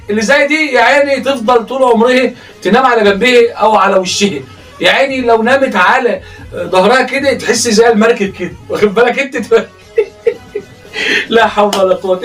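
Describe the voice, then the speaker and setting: A man's voice: extremely high pitch, fast talker, a bit bright, distant mic, soft background music. A man with an Egyptian accent doing comic commentary on clips, teasing and laughing often. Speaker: comedy commentator reacting to clips.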